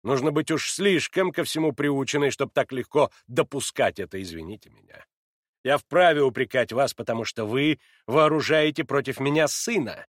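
A man playing a cold, self-righteous aristocrat who talks in a measured, condescending way, in an audiobook reading. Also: mid-range voice, animated, no echo, studio quality, close to an everyday voice.

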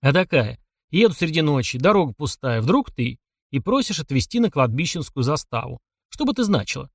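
A man's voice: a little high, sing-song, fairly quick, vocal fry, dry recording, studio quality, full character voice. A man reading an audiobook and voicing a sly, chatty driver in his thirties who teases and questions. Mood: suspicious, teasing. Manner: chatty, teasing, probing.

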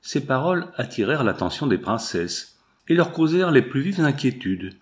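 A man narrating a classic novel as an audiobook in a measured, even manner. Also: medium pitch.

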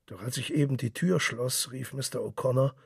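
A man with a very raspy, gravelly voice narrates a literary story for radio. He keeps a measured pace, and the dry, close studio sound keeps every grain of his voice clear. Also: medium pitch, dry recording. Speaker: narrator and reader.

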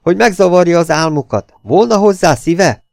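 A man reading aloud, voicing a frightened but defiant young woman in high, strained protests. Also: lively intonation, vocal fry, a little mellow, dry recording, studio quality.

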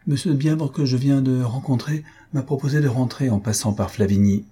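A man's voice: medium pitch, brisk, dark tone, slightly rough, pitched above the performer's own voice, lightly acted. A man reading aloud, voicing a reserved, proud young countess who answers curtly. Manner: curt, restrained replies.

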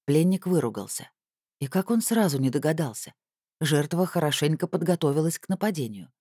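A man narrating an audiobook in a steady, scripted storytelling voice with dramatic emphasis. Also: a little high, brisk, husky, no echo, clean studio sound.

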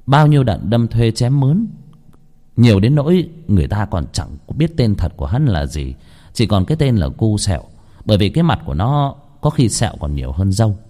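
A man narrating a horror story in lively, colloquial storytelling. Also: on the low side, fairly quick.

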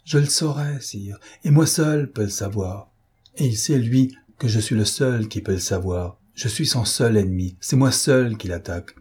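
A man voicing a proud, defiant gentleman thief in an audiobook, mocking and self-assured. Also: lowish voice, moderate pace, slightly rough. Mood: forceful. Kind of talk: audiobook character reading.

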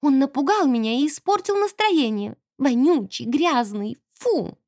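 A woman's voice: sits high, animated, a little slow, a little mellow, no echo, studio quality. A woman voicing a spoiled, haughty rich young woman who chatters and gossips. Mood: chatty.

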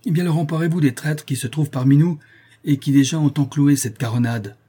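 Guy doing a firm old-school ship captain, low and dark voice, husky. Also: moderate pace, lightly acted. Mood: resolute. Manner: firm, rallying. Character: resolute male ship captain, commanding.

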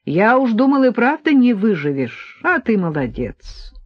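A woman's voice: on the high side, lively intonation, a little slow, dry recording, highs cut off, voice pushed up. A woman voicing a cheerful, commanding young man with a teasing manner in an audiobook. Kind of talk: audiobook reading.

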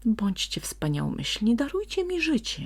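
A woman's voice: a little high, wildly swooping pitch, normal speed, voice pushed up, full character voice. A woman voicing a sly, cowardly male fox who whines and wheedles. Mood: pleading. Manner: wheedling and whining.

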